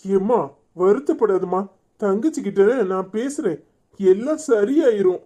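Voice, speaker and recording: A woman's voice: medium pitch, animated, unhurried, dark tone. A woman voicing a grown son and father in a cartoon, reassuring and mildly scolding, with a Tirunelveli Tamil accent. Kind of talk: cartoon voice acting.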